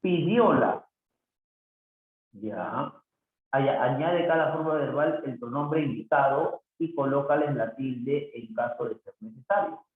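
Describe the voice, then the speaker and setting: Echoey lo-fi man teaching grammar slowly. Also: mid-range voice. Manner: drawn-out syllables, self-talk with many "ya está" and "ahí está". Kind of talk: worksheet walkthrough lesson. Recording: phone-like, very echoey room with faint noise.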